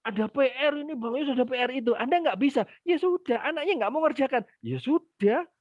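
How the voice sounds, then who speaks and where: A man with an East Javanese accent giving an animated parenting talk, speaking straight to mothers and acting out little scenes. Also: extremely high pitch, a little fast, no echo, muffled recording. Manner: animated, acts out dialogues and addresses mothers directly.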